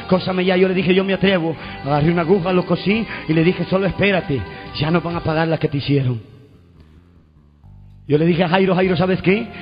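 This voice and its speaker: A man preaching and telling his testimony, with loud shouted proclamations and call and response. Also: high voice. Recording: dull lo-fi recording with faint music.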